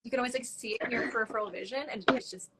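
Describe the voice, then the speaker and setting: Young woman, bit high-pitched, casual live-stream makeup chat, lots of "like", faint hiss. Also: rapid-fire. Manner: chatty, says like a lot, laughs easily. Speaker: makeup artist. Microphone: phone on a live stream.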